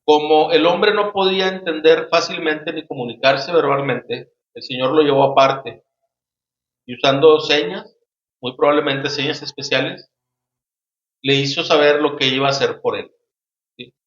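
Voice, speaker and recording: A man hosting a casual Bible study discussion, speaking haltingly with many restarts and frequent tag questions. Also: a little high, fairly even intonation. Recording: roomy, dull lo-fi sound.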